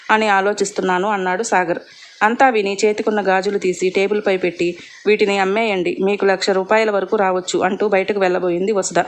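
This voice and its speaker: A woman reading a family drama story aloud as narrator, speaking every character's lines in her own voice. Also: mid-range voice. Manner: voices all family characters herself with little change. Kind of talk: scripted story narration with dialogue.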